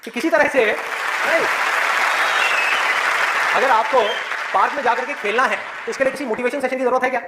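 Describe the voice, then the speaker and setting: A male biology teacher giving a motivational talk to his students, with many rhetorical questions and a lively, persuasive manner. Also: extremely high pitch, normal speed, pauses often, roomy sound, a loud crowd, very noisy.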